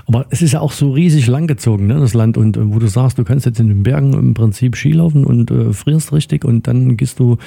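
A man's voice: medium pitch, brisk, gravelly, few pauses, dark tone. A middle-aged man hosting a radio chat, rambling with many fillers and friendly questions. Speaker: radio host. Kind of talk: casual interview chat.

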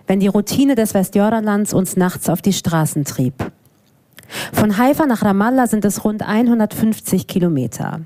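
A woman in her thirties from Hamburg, introducing herself casually and then steadily reading her own prose aloud at a live event. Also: mid-range voice. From Hamburg, Germany. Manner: relaxed, with fillers, reads prose steadily. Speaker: author reading from her book. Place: event venue before an audience.

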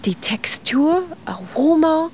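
A woman's voice: sits high, expressive, takes it slowly, a little mellow, a little hiss or hum. Woman explaining ice cream history. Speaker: ice cream expert guest. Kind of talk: radio interview.

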